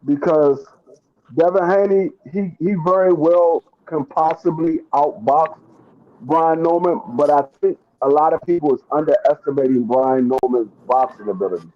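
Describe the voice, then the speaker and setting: A man on a boxing panel giving a casual fight prediction, his voice coming through robotic and metallic from a bad mic connection, halting with many restarts. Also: fairly high pitch, highs cut off. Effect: robotic, metallic glitching voice from a bad mic connection.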